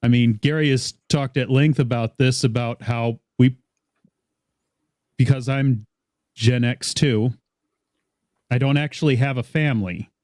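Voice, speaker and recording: A man in a casual panel chat, speaking in a measured, reflective way with the odd curse. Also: mid-range voice, steady tone, a little mellow, no echo, clean studio sound. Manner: measured, reflective, occasional swearing. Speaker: panel guest.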